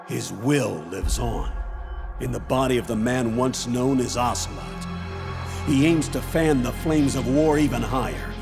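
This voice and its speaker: An actor playing a grave colonel who gives a commanding mission briefing in a video game. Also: male voice, medium pitch, unhurried, gravelly, over music. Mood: grave, urgent. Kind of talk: scripted video game dialogue.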